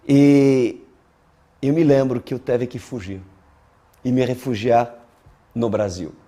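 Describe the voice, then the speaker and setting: A slow, mellow male pastor delivers a sermon in a mid-range voice with fairly even intonation. Portuguese isn't his first language; he learned it as an adult. He preaches deliberately and emphatically, using dramatic pauses and repeated phrases.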